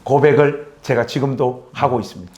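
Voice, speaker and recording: A man's voice: medium pitch, steady tone, fairly quick, darkish tone. A man who is a pastor and author, talking earnestly in a conversational interview with preacherly phrasing.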